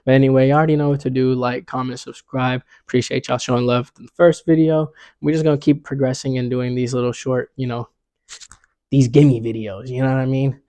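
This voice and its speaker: A man's voice: mid-range voice, flat delivery, fairly quick, warm tone, dry recording. A young man hosting a casual sports picks vlog, talking in a laid-back, slangy way full of "you know what I'm saying".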